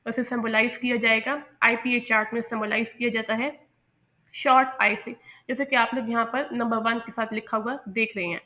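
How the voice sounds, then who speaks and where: A woman teaching English pronunciation in a patient, explanatory way, repeating each example word slowly. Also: a little high, little pitch movement, pushed and bright. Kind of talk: explanatory lesson.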